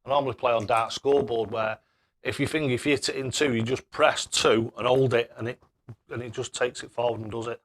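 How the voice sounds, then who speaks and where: A man's voice: medium pitch, fairly even intonation, brisk. A man chatting casually on a live stream as he plays darts, matey and self-deprecating.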